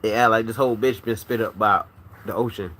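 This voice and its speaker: Profane livestream host with a swollen tooth. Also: male voice, on the low side, steady tone, a little fast, a bit bright. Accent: Virginia. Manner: loose, profane, talks to chat by name. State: swollen wisdom tooth, mouth not fully closing. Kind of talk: casual live chat.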